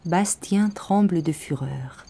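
Woman narrating a children's chapter book, low voice, very slow and lively in tone. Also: husky. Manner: slow, dramatic expressive reading. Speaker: audiobook reader. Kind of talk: storybook narration.

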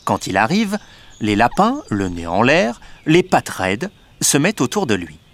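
A man reading a children's story aloud in an expressive, unhurried way. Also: mid-range voice. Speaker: narrator.

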